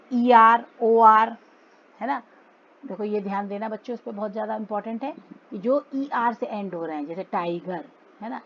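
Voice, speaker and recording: A woman's voice: mid-range voice, muffled recording, slight background noise. A woman teacher explaining grammar to schoolchildren, mixing Hindi and English and repeating words for them to memorize.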